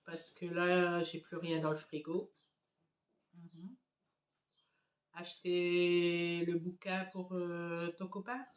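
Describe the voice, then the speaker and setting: A woman's voice: on the low side, flat delivery, slow, pauses often, lo-fi sound. A middle-aged woman chatting casually to her phone camera at home, rambling with many hesitant fillers. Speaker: family vlogger. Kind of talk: casual vlog chat to camera. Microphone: handheld phone camera. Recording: echoey home room.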